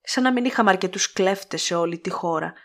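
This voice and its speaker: A woman voicing a sharp-tongued, fiery young lady who speaks curtly and sarcastically in an audiobook reading. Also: fairly low pitch. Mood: scornful. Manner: curt, sarcastic, heated.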